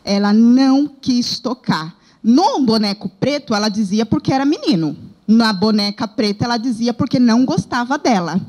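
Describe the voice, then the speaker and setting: A woman with a Brazilian Portuguese accent recounts a classroom episode with earnest storytelling, her voice sitting a little high. She speaks as a daycare director sharing a report at a workshop. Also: lively intonation, moderate pace, darkish tone, poor audio. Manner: earnest storytelling, reenacting dialogue.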